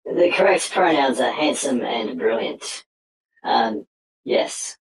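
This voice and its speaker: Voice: lively intonation, slow, roomy sound, background noise. A chat participant speaking through a voice changer, trading mock-serious, trolling banter in a casual online group chat. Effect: voice changer, very deep processed voice.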